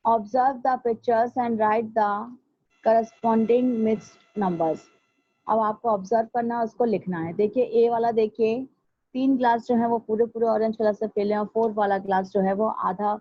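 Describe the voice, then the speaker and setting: A fairly high-voiced woman teaching a recorded maths class, patient and methodical, going through each step and repeating it slowly. The sound is dry and a little dull, like a lo-fi home recording. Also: dry recording. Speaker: school teacher. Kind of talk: recorded online maths lesson.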